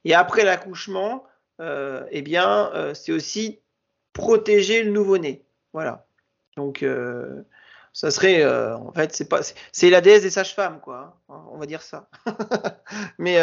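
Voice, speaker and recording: A man with a high, gravelly voice talks casually on a podcast, stopping and restarting often. The sound is muffled and lo-fi. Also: expressive, measured pace. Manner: hesitant, many fillers and restarts. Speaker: podcast co-host. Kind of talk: casual chat.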